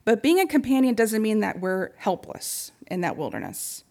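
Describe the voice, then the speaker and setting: A young adult woman giving a prepared talk on supporting grieving people, speaking gently and pausing often. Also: mid-range voice, huge pitch swings, gravelly.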